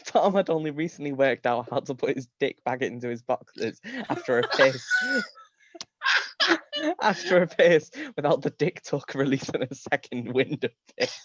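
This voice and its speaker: A man reads comic fan fiction aloud live, amused and frequently breaking into laughter and stumbling over words. His voice is mid-range at a moderate pace, recorded with no echo but with the highs cut off.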